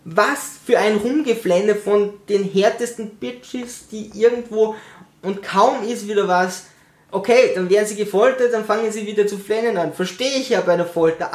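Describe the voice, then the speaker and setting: A book reviewer in a casual rant, mocking the characters with sarcastic asides and quick put-on voices. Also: mid-range voice, reverberant.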